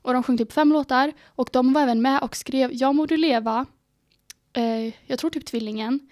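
A teenage girl co-hosting a podcast in casual chat, telling stories excitedly and acting out her own reactions. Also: high-pitched, no echo, clean studio sound. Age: teens. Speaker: podcast co-host.

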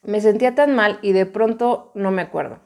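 Speaking at a moderate pace in a medium-pitched, slightly mellow voice, a young woman with a Mexican accent recounts something personal. Her delivery is casual and slangy, emphatic, and full of repetitions.

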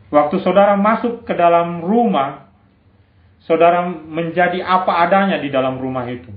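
High-voiced man preaching in an echoey hall. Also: moderate pace. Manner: exhorting, rhetorical questions, frequent "amin". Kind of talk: sermon. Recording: echoey room, tinny phone-like sound.

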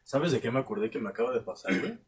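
A young man with a Mexican accent telling a long, animated anecdote in casual chat, swearing freely and acting out both sides of the dialogue. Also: medium pitch, racing, distant mic, slight background noise. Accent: Mexican Spanish. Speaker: podcast co-host. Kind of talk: casual storytelling.

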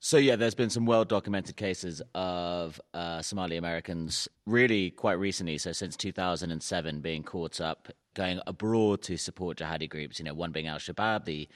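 A man with a very low voice, speaking in a loose, chatty way with lots of "uh" and "you know". The sound is close and dry, with no room in it. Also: moderate pace, few pauses, no echo. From London. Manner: conversational, many fillers. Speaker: reporter. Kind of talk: studio discussion.

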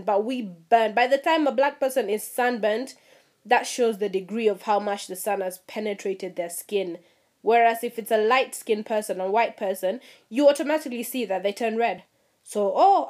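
A young woman from Kenya ranting casually to her viewers, animated and laughing, swearing freely and mimicking people. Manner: animated, swearing, mimics others in high voices, laughs at herself. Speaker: vlogger. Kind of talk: casual rant to camera.

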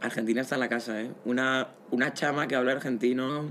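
Fast-talking autotuned man from Spain. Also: medium pitch, steady tone, fairly bright tone, a little hiss or hum. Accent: Spanish from Spain. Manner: quick jokey banter. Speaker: podcast co-host, music artist. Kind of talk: casual chat.

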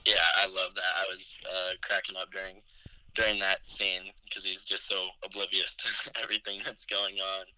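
Twenties male co-host, low voice with a very bright, sharp edge, hesitant casual delivery. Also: little pitch movement, moderate pace, dry recording, poor audio. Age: 20s. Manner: hesitant, many ums, chuckles while recounting scenes. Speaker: podcast co-host. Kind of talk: casual movie review chat.

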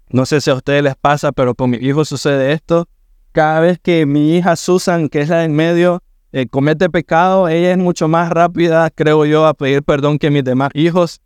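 Middle-aged male pastor, sermon, smooth resonant voice, dry close sound, earnest and emphatic. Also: fairly high pitch, darkish tone, no room sound. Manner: earnest, rising to emphatic preaching.

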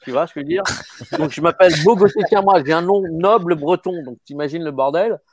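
A man in his fifties, an actor talking casually in an interview, often halting and repeating words. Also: fairly high pitch, no room sound, clean studio sound. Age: 50s. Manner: halting, stammering repetitions. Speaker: actor guest.

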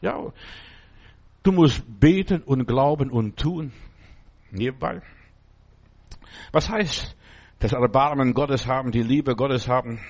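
A man's voice: medium pitch, takes it slowly, long pauses, darkish tone. A middle-aged man preaching a sermon in a folksy, rambling way, often asking his listeners whether they understand.

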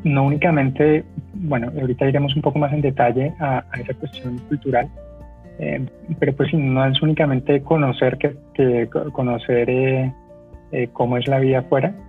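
A man moderating a panel discussion, speaking haltingly with many fillers and restarts. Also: medium pitch. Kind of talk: hesitant conversational moderating. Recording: tinny phone-like line.

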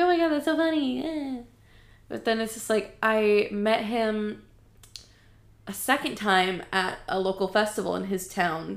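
A woman's voice: mid-range voice, gravelly. Chatty young woman in an echoey room. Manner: chatty, laughs often, lots of "like" fillers. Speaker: podcast co-host. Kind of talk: casual chat.

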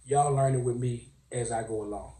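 A man's voice: mid-range voice, steady tone, moderate pace, warm tone. A man hosting a podcast, talking in a casual, rambling monologue with lots of fillers. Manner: rambling, self-aware, filler-heavy. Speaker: podcast host. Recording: roomy, distant from mic.

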